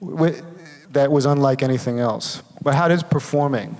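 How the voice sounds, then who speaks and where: A man's voice: medium pitch, normal speed, a little mellow, slight background noise. A man interviewing a guest on stage, asking questions hesitantly and searching for words. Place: lecture hall stage. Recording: long reverb of a lecture hall.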